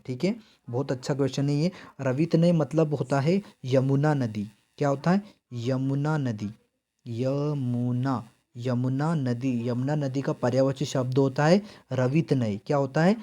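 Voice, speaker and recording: A man teaching a Hindi exam-prep lesson in a chatty way, asking questions and then answering them himself, and drawing out key words slowly to stress them. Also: mid-range voice, dark tone.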